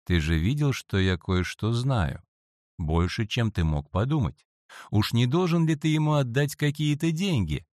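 Man playing a calm knowing schoolboy, assured, gently persuasive, lively low voice, dry close sound. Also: unhurried, no room sound, lightly acted.

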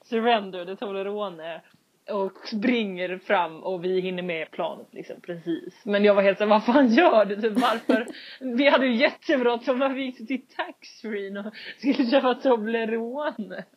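A young woman in casual podcast chat, telling a story with lively acted-out quotes and casual swearing. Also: medium pitch. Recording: dull lo-fi sound.

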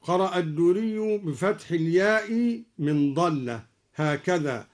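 A man from Egypt giving a radio lesson on recitation variants, calmly explaining each point and then chanting the verse slowly and melodically. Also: sits high. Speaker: Quran recitation teacher.

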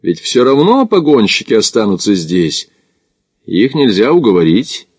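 A man's voice: fairly low pitch, sing-song, a little slow, husky, dry recording, heavily acted. A man doing a curt Sherpa guide. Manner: curt, clipped. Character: terse, stern male Sherpa mountain guide.

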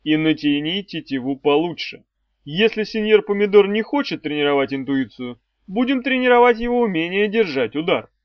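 A man's voice: high-pitched, expressive, moderate pace, no room sound, pitched above the performer's own voice. A man voicing a sardonic demon swordsman. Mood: threatening. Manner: mocking, commanding, dry threats. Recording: dry, slightly dull audio.

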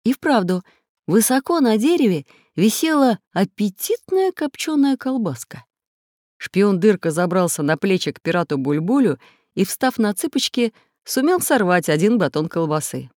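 A narrator reading a children's adventure audiobook in a lively storytelling manner. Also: medium pitch, normal speed, no room sound, studio quality.

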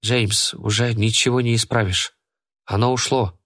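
A calm, steady grown man in a spoken storybook speaks quietly but will not back down, as a man reads him. His tone stays level and low. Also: normal speed, no room sound, studio quality, lightly acted. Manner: quiet and insistent.

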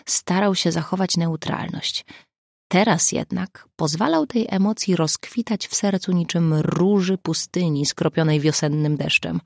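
A woman narrating a crime novel audiobook in a measured, even storytelling manner, close to the mic. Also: fairly low pitch, gravelly, no echo. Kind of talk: scripted narration.

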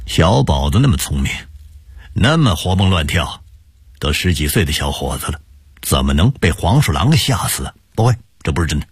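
A man's voice: a bass voice, very animated, normal speed, husky, no echo, clean studio sound, exaggerated voice. A man doing a hearty returning elder. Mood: disbelieving. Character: middle-aged man returning home, brisk, later stunned.

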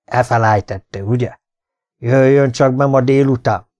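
A man voicing a gruff, domineering older farmer who growls and scolds in an audiobook. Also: medium pitch, darkish tone, natural voice. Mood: scolding. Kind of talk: audiobook character voice.

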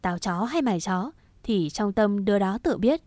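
Người phụ nữ đọc giọng chàng trai lạnh lùng, cứng rắn. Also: female voice, mid-range voice, expressive, normal speed, darkish tone, no echo, natural voice. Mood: cold. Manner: firm, clipped and threatening. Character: stern protective young man, cold and resolute.

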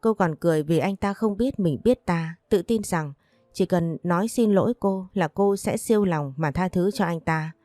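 A woman reads a romance story aloud, taking every part in the same even voice. Her tone is low and mellow, and the recording is dry and close. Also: normal speed, dry recording, soft background music. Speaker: audiobook narrator. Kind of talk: scripted narration of a romance story.

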